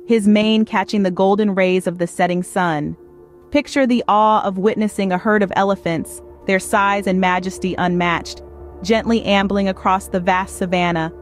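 Woman, nature documentary narrator, mid-pitched voice, scripted evocative storytelling, background music.

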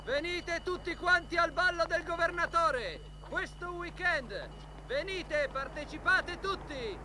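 High-pitched, slow-calling town crier. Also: male voice, lively intonation, background noise, exaggerated voice. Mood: proclaiming. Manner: proclaiming, drawn-out calls. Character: loud town crier announcing the governor's ball. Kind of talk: shouted street announcement in a dubbed film.

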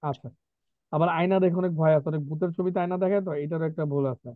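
A man's voice: on the high side, steady tone, quick pace, dry recording. A man teaching an online vocabulary class, drilling spellings and pronunciation with chatty asides. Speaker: English teacher. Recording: tinny dry online call.

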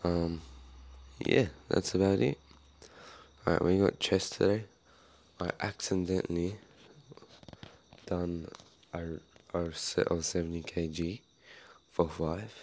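Young man, deep voice, flat delivery, quiet hushed talk, casual gym vlog, garage gym at night. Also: takes it slowly, long pauses. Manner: quiet hushed talk so as not to wake the neighbors. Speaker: vlogger.

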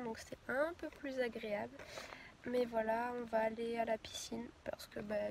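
A woman's voice: on the high side, vocal fry, a little mellow, slight background noise. A young woman chatting casually to her phone camera from inside a festival tent, a little hesitant and full of fillers. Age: young adult. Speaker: vlogger. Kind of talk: casual vlog chat to camera. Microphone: phone camera held at arm's length.

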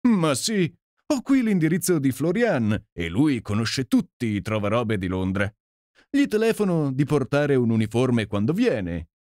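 A man reading an audiobook and voicing a boisterous, jovial Canadian gentleman with a hearty, exclamatory manner. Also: mid-range voice, sing-song, normal speed, no echo, lightly acted. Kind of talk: audiobook character voice. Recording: dry close sound.

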